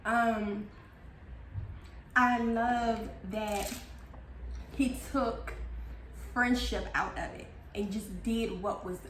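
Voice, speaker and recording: A woman's voice: fairly high pitch, drawn-out words, pauses often, slight background noise. Chatty woman recapping a TV show. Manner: animated, laughs often, slangy. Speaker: co-host. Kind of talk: casual TV recap chat. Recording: echoey room.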